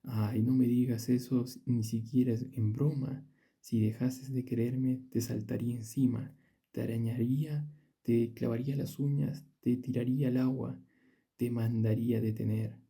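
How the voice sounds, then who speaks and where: A man's voice: mid-range voice, level tone, moderate pace, mellow, husky. A man voicing a flighty, fickle young woman with a theatrical, wheedling way of complaining, in an audiobook. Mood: dramatic.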